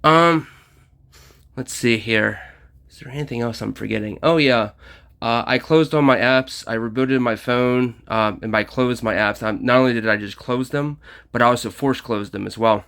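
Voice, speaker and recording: A man's voice: medium pitch, normal speed, gravelly, fairly bright tone, clear, resonant tone. A man casually talking through a mobile game session, slightly out of breath and full of ums and uhs. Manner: rambling with many ums and uhs. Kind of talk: casual gameplay commentary.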